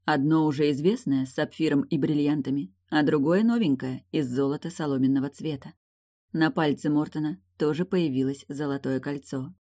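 An audiobook narrator reading a novel in a measured, even way. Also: medium pitch, dry recording, clean studio sound. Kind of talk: scripted narration.

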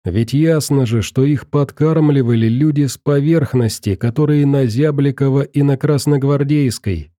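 A young survivor of the underground pleads and argues with firm, insistent conviction, as a male narrator puts him on. His voice is very dark and mellow. The sound is close and dry. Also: medium pitch, normal speed, few pauses, no echo, natural voice. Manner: earnest, insistent. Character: young male metro survivor, persuasive and earnest.

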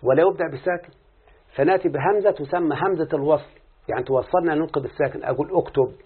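Husky and fairly high, this man's voice moves very fast, carrying an Egyptian accent through a tinny phone-like recording. He's a student reciting Arabic morphology in a question-and-answer exchange, proceeding step by step and constantly checking in with his teacher.

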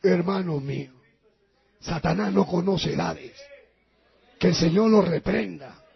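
A man's voice: high voice, unhurried, creaky, breathy edge, muffled recording. A male pastor preaching a sermon, emphatic and repetitive, often calling to his listeners as brothers.

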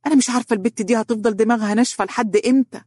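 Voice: mid-range voice, fairly even intonation, darkish tone, dry recording, studio quality, voice pushed up, natural voice. Narrator voicing a nagging Egyptian mother. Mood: pleading. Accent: Egyptian Arabic. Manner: urgent, nagging, rapid. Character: fussy middle-aged mother, pleading.

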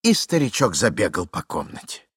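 A man narrating a classic story as an audiobook reader, in an expressive storytelling manner. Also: medium pitch, moderate pace, breathy edge, no room sound, studio quality.

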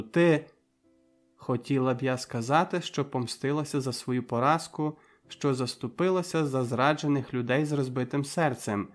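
A man reading an audiobook in a measured, dramatic first-person narration. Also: mid-range voice. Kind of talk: scripted narration.

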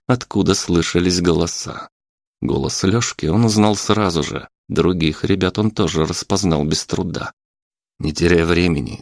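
A man narrating an audiobook in a steady, even reading voice. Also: deep voice, no room sound, studio quality. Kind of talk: scripted narration.

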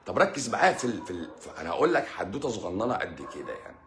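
A man's voice: deep voice, very animated, racing, fairly bright tone, roomy sound, a little hiss or hum. A man with an Egyptian Arabic accent hosts a live stream as a doctor, answering viewer questions in a blunt, teasing, lecturing way.

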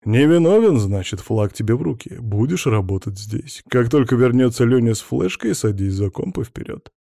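A man's voice: medium pitch, animated, normal speed, vocal fry, mellow, dry recording, clean studio sound. A man reading an audiobook, voicing a blunt male boss who reassures in a folksy, patronizing way.

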